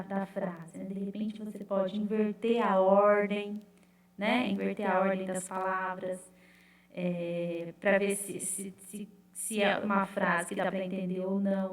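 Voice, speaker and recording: Woman, chatty teacher's explanation, roomy echo, a bit far from the mic. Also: medium pitch. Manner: chatty, repeats "né?" and "gente", sounds out syllables slowly. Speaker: literacy teacher trainer. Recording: echoey room, away from the mic.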